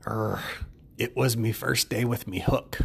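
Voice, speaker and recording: A man voicing a gruff old male pirate with a peg leg and a hook, growling out pirate talk in a joke. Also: mid-range voice, unhurried, slight background noise. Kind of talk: telling a joke on a podcast.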